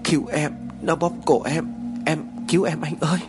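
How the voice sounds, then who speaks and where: A man's voice: steady tone, moderate pace, music in the background, lightly acted. A man doing a terrified haunted young wife. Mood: terrified pleading. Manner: pleading, panicked, high-pitched.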